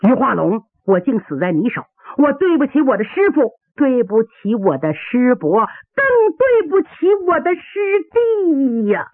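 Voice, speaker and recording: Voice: medium pitch, animated, fairly quick, creaky, hardly any pauses, breathy edge, no echo. A storyteller playing an impassioned vengeful swordsman. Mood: despairing. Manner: impassioned, lamenting. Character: vengeful wounded martial-arts fighter, adult man. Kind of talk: traditional storytelling character voice. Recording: tinny dry radio broadcast.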